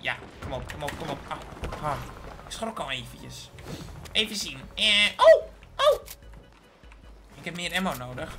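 A woman gives gameplay commentary in a wildly lively voice that leaps up into squeals and shrieks, then drops to a hushed mutter when sneaking. Game music plays clearly behind her. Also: deep voice. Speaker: gaming video host. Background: background music.

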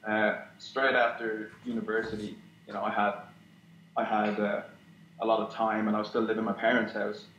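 A young man on a video call, his voice low and flat in pitch as he works through his answers with lots of ums and restarts. The webcam sound is dull and roomy, with a faint hiss underneath. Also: normal speed. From Ireland. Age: young adult. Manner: hesitant, many restarts and fillers. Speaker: guest concept artist. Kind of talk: casual interview chat. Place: small room at home, indoors.

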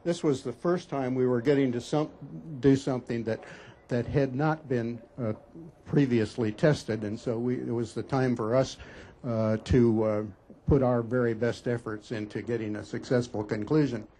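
An older man recounting a past flight in an interview, halting and careful with many restarts. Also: mid-range voice, fairly even intonation, warm tone, a little hiss or hum. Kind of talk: recalled account in interview.

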